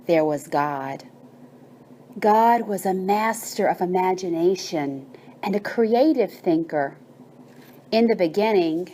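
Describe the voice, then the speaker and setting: A mellow, mid-range female voice leads a guided meditation and bedtime story. She speaks soothingly and deliberately, lingering over each phrase.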